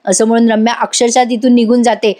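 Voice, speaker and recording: A woman hosting a voice-over recap of a TV serial. She talks chattily and directly to her viewers, in a fairly high voice. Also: flat delivery, fast talker, dark tone. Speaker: serial review host.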